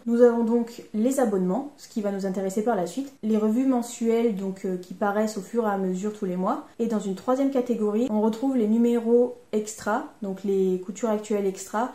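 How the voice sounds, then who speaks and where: A woman's voice: on the high side, dark tone. Chatty French woman in an echoey room. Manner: chatty, self-mocking storytelling. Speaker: sewing vlogger. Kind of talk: casual vlog narration.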